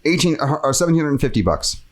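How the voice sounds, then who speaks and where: A man's voice: a little high, very animated, fast. A man hosting a podcast, talking in casual chat and ranting with exasperated energy. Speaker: podcast host.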